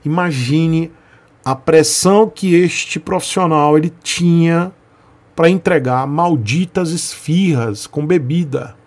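A man's voice: fairly high pitch, slow pace, a little mellow. A man in his forties with a Brazilian Portuguese accent, hosting his channel and telling a story to camera in an emphatic, repetitive way that speaks straight to his viewers. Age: 40s. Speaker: channel host.

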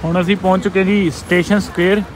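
A young Indian man with a Punjabi accent chats casually as a travel vlogger, walking through outdoor city markets and streets and showing things around. His voice is high-pitched and level, and he talks at a quick pace. He holds the camera or phone at arm's length, and the recording is noisy with street and traffic sound.

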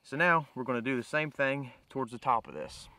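Outdoors in woodland, a bushcraft demonstrator and host walks through a hands-on tutorial, explaining every step as he works. He is informal and plain-spoken, with a bright, forward voice at an ordinary middle pitch and a fairly quick pace. The recording is dry.

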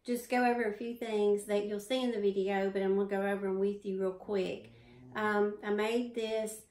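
A woman's voice: mid-range voice, darkish tone, echoey room. A woman with a Southern US accent, casually explaining a DIY craft project in a chatty, folksy, self-deprecating way. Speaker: craft video host.

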